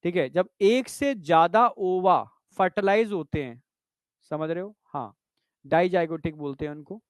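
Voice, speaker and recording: A high-voiced man gives a biology classroom lecture at a measured pace, explaining step by step and checking often that students understand. He calls them "bhai" and "beta," and the studio-quality recording has no echo.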